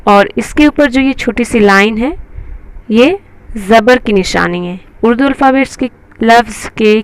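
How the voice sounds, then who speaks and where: A woman's voice: on the high side, clean tone, poor audio. A woman teaching a writing lesson step by step. She spells out each letter and patiently repeats every word. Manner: slow, spells out letters one by one. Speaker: Urdu teacher.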